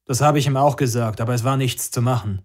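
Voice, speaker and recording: A man's voice: mid-range voice, fast talker, lightly acted. Band leader, male reader voicing, young, defiant, clipped delivery. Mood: terse. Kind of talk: audiobook character voice.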